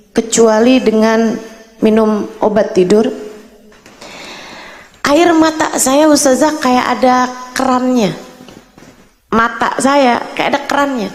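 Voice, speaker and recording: A middle-aged woman preacher telling a story in a gentle, clear manner, acting out the people she quotes. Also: a little high, in a large hall, poor audio. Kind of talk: religious talk with story.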